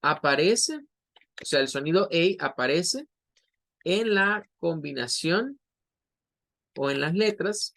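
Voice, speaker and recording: Slow, patient Spanish-speaking English teacher. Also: male voice, on the high side, lively intonation, vocal fry, a bit bright. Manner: slow, patient explaining with drawn-out example words. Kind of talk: online class lesson.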